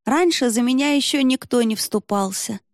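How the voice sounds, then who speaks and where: A woman's voice: fairly high pitch, moderate pace, no echo, clean studio sound, pitched above the performer's own voice, lightly acted. A woman voicing a stubborn, clingy male snake-tailed creature in an audiobook, insistent and pleading. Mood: wistful.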